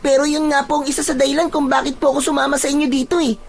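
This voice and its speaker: A narrator voicing a curious, stubborn boy who pleads politely and excitedly. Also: high voice, racing, soft background music, voice pushed up. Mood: eager.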